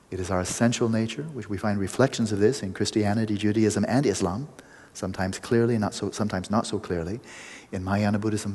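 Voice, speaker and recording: A man giving a Buddhist teaching in a measured, reflective way, often restarting his phrases mid-thought. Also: lowish voice, darkish tone, husky, in a large hall. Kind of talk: dharma talk lecture.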